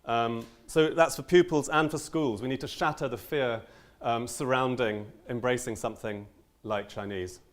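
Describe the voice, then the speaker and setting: Young male teacher, earnest conference speaker, mid-pitched, lots of ums and restarts. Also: steady tone, normal speed. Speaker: language teacher giving a conference talk. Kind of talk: conference talk.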